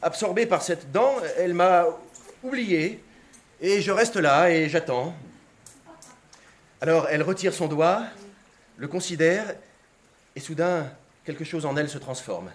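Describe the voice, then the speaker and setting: A man's voice: a little high, measured pace, long pauses. Theatrical male reader of literary prose. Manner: expressive, theatrical, shifting from hushed to excited. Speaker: narrator. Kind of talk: dramatic reading of a literary text.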